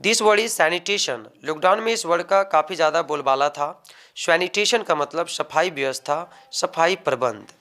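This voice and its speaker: Slow, bright-voiced teacher. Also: male voice, on the high side. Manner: slow, drawn-out word drills with Hindi explanations. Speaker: English teacher. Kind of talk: vocabulary lesson.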